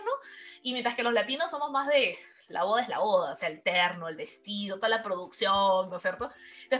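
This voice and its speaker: A woman from Peru with a Peruvian Spanish accent, a guest telling lively anecdotes in casual conversation and quoting her partner's replies. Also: medium pitch. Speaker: interview guest.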